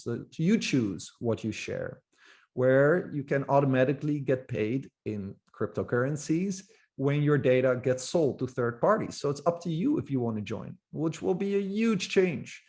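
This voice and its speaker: A Dutch man gives an informal, enthusiastic presentation as a guest speaker, occasionally restarting his sentences. His voice is mid-range and a little mellow.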